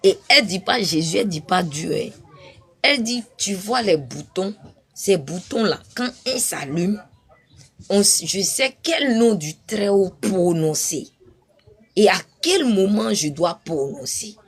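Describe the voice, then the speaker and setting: A woman's voice: mid-range voice, expressive, measured pace, breathy edge. A woman preaching her testimony on a live stream, fervent and repetitive, breaking into sudden cries. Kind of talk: impassioned spoken testimony.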